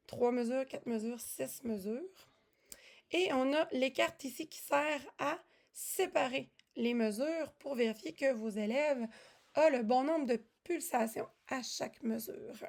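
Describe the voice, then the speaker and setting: A woman presents music lesson materials in a casual walkthrough. Her voice sits slightly high, and she talks in a chatty way, with frequent fillers and self-corrections. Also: darkish tone. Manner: chatty, many fillers and restarts. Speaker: music teaching resource presenter.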